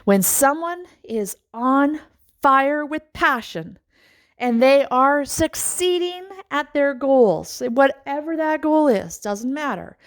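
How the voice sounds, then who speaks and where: A middle-aged woman, a life coach, musing aloud in a rambling personal monologue with sighs and pauses. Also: high-pitched.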